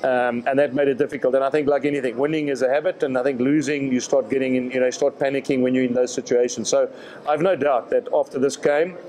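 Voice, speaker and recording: A man, answering reporters' questions at a post-match press conference in a measured way, often repeating words as he thinks. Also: mid-range voice, fairly even intonation, a little mellow, a little hiss or hum, poor audio. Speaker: rugby director of rugby.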